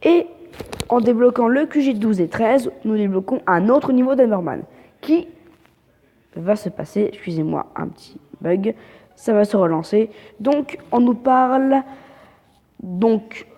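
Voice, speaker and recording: A woman's voice: fairly high pitch, animated, unhurried, pauses often, mellow, in a large hall. A woman hosting casual game update commentary, hesitant and full of fillers and restarts, with a French accent when reading English. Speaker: gaming channel host.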